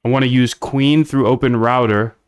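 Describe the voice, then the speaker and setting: Smooth-voiced blunt man on a live coding stream. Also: mid-range voice, fairly even intonation, moderate pace, no room sound, clean studio sound. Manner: blunt, chatty, thinks aloud while working. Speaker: live-streaming developer of trading bots. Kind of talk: casual live coding stream, reading chat aloud.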